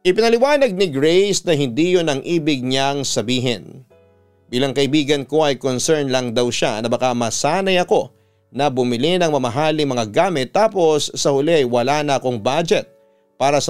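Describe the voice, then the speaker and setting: A Filipino radio announcer reads a listener's story aloud as dramatic scripted narration, with music playing behind him. His voice is medium-pitched, clear and resonant.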